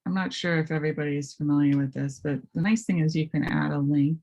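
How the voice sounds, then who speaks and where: Raspy, gravelly woman presenter. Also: low-pitched, steady tone, fast talker, darkish tone. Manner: hesitant, many ums, thinks aloud. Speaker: webinar presenter. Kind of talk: screen-share software walkthrough.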